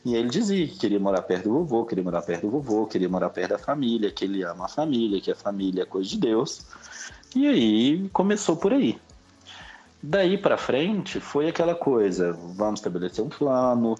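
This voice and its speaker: Very animated and brisk, a middle-aged Brazilian man tells stories from his own life in Brazilian Portuguese as a podcast guest in a casual interview. His medium-pitched voice is a little mellow, and the recording is slightly dull and lo-fi.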